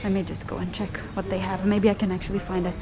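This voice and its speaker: A woman vlogs casually to her camera while making her way through an airport terminal, chatty and sarcastic, swearing freely. Her mid-range voice is flat and fast, and the sound is lo-fi.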